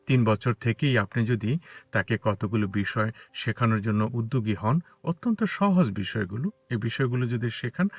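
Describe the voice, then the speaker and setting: A man teaching English pronunciation to Bengali speakers, talking outdoors on a street and spelling out letters and sounds slowly. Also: fairly low pitch, slightly rough. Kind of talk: spoken English lesson.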